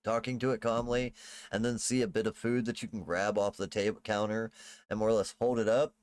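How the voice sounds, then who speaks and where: A man working as game master, improvising tabletop game narration in a casual, halting way. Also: lowish voice, flat delivery, darkish tone, clear, resonant tone.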